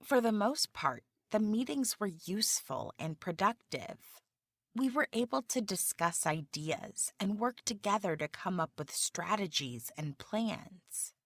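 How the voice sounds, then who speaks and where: In a scripted practice interview for English learners, a woman plays a job candidate, speaking slowly and with care. Her voice is medium-pitched and animated, with no room sound.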